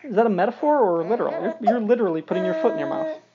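Reading a picture book to a young child, this middle-aged man speaks in a high voice that swings widely in pitch and races along, adding casual, wry remarks as he goes. The muffled, dull recording carries background crowd noise.

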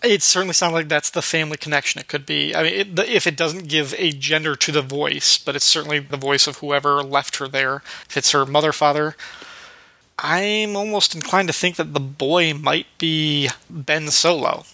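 A man's voice: a little high, steady tone, moderate pace, vocal fry, pushed and bright, no echo, poor audio. A man hosting a podcast, talking things through in a casual, thoughtful discussion. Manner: thoughtful, musing. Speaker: podcast host.

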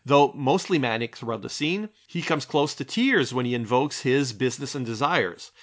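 A man's voice: medium pitch, animated, moderate pace, fairly bright tone. Man narrating analysis, slightly dull recording. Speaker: narrator and film critic. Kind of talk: scripted analytical commentary.

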